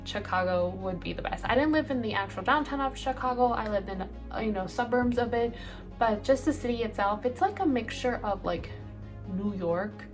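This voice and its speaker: With soft music behind her, a Salvadoran woman in her late twenties rambles through a get-ready-with-me Q&A, sprinkling in ums and likes. This beauty vlogger's voice is a little high, with lively intonation and a moderate pace.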